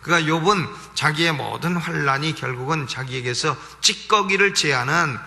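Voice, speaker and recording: A man's voice: on the high side, moderate pace, vocal fry, pushed and bright. A male pastor giving an expository sermon, emphatic, repeating key phrases and asking rhetorical questions. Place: church sanctuary. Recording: long church reverb.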